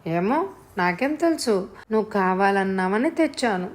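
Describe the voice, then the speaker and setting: A woman's voice: mid-range voice, lively intonation, moderate pace, close to an everyday voice. A woman voicing a shy teenage boy who answers defensively and mumbles his promises.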